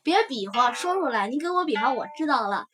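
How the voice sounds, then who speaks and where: High, lively young female co-host. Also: a little fast, faint music behind. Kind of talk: casual chat, interjecting.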